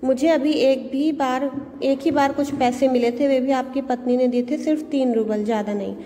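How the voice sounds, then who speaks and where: A woman teacher reading the part of a meek, timid young maid, speaking softly and hesitantly. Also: sits high, fairly even intonation, a little fast, lightly acted. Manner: soft, hesitant. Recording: long reverb, faint background noise.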